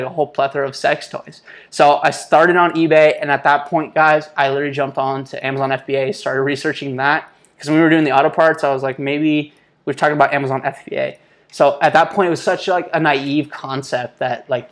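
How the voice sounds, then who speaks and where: Speaking from a small home office on a lapel mic, a man in his twenties who was born in Israel addresses his viewers as "guys" in a slangy, informal way. His voice is on the high side. He's an online entrepreneur, YouTuber and mentor giving casual motivational vlog talk to camera.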